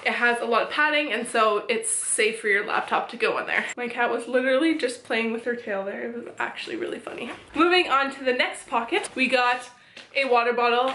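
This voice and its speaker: A young woman in her twenties vlogs from a small bedroom, talking casually and cheerfully to the camera. Her voice sits a touch high and sounds bright and sharp. The room gives a noticeable echo. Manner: chatty, upbeat, showing items one by one. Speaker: fitness vlogger. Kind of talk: casual chat.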